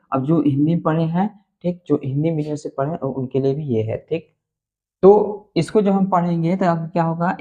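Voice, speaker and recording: A man with a Hindi accent and Hindi as his first language, teaching beginners English phonics, spelling letters out slowly and repeating each answer. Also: fairly high pitch, a little mellow, dull audio.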